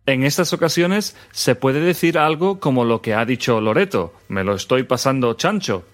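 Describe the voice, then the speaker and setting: A man from teaching phrases in a scripted podcast lesson, repeating them clearly. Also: mid-range voice, animated, moderate pace, faint music behind. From Spain. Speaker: language teacher, co-host.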